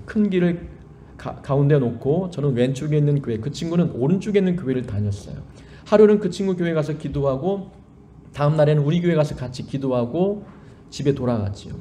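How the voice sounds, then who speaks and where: Against slight background noise, a middle-aged man with a dark, rather high voice delivers an earnest, emphatic sermon as a pastor. A mild lisp makes his s sounds slushy, and he weaves personal stories into his exhortation, rising emphatically and letting his sentences drop at the close.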